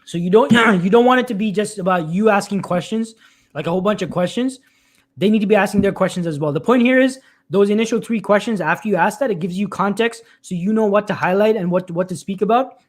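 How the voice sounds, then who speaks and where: Reading viewer comments aloud on his weekly career live stream, this man speaks in a high pitch at a quick pace. He's loose with his words, often starting over and saying things twice, and he clears his throat again and again as his voice tires.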